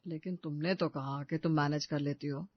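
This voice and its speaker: A woman voicing a young husband in an animated family story, defensive and placating between his wife and mother. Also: low voice, normal speed, no room sound. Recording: dry, slightly dull studio recording.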